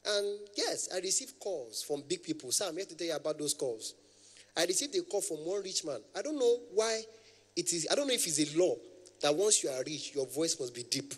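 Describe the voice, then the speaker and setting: Stand-up: young Nigerian man, event MC, playful and formal, slightly high voice. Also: fairly quick, husky, big-room sound. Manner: playful, flattering, addresses the audience formally. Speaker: comedian and MC.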